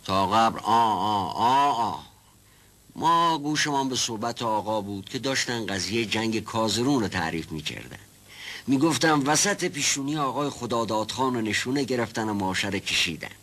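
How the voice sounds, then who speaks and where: A man's voice: fairly low pitch, lively intonation, a bit bright. An actor playing a timid, rambling old male servant who stammers and dodges questions in a 1970s TV drama. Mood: nervous. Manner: stammering, evasive, repeats himself. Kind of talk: 1970s television drama acting.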